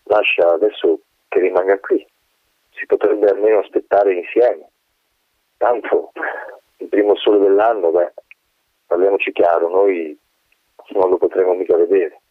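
A man's voice: low-pitched, steady tone, measured pace, long pauses, no room sound. A man voicing the wind, a loyal old male spirit, in a radio drama reading, speaking in a pleading, tender and insistent way. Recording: tinny phone-like radio sound.

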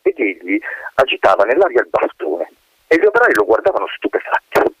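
A man narrating a novel in a measured, expressive storytelling manner. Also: fairly low pitch, slightly rough, dry recording, rough recording.

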